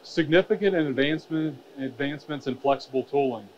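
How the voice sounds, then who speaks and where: A man's voice: fairly high pitch, brisk, darkish tone. Man presenting at a trade expo. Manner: hesitant, many fillers and restarts. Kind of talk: conference presentation. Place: expo stage with curtained backdrop. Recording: dull lo-fi sound with faint hall noise.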